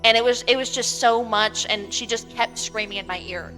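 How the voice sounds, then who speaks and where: A woman co-hosting a podcast, telling a ghost-hunting story in a chatty, animated way with many fillers. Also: on the high side, normal speed, long reverb tail, music in the background, poor audio. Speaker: podcast co-host. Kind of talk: casual chat.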